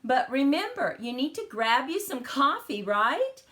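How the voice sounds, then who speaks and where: Running her card-making channel's live stream, this woman chats and welcomes everyone while demonstrating crafts. Her voice sits high with big pitch swings, a fairly bright tone and a slightly slow pace, still a little crackly from the flu.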